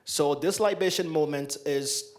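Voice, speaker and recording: With a slightly high, rather dark voice and a measured pace, a young Ghanaian man leads a libation in a large hall. He speaks into a handheld mic, offering solemn invocations again and again as a ceremonial address.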